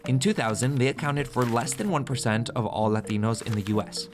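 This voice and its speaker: A man delivers scripted explainer narration as the host, clear and steady, laying out each point plainly. His voice sits at an ordinary middle pitch, with soft music faintly under it. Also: brisk. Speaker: host and video journalist.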